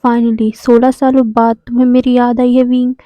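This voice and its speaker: A woman's voice: on the high side, flat delivery, normal speed, no room sound, dull audio, natural voice. A woman voicing a protective older brother who speaks firmly and scolds a little. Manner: firm, scolding.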